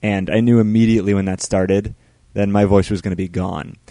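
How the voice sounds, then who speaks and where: A man co-hosting a casual podcast, his voice hoarse and gravelly from shouting. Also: on the low side, fairly even intonation, fairly quick, no echo. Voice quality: gravelly, frog in the throat. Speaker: podcast co-host.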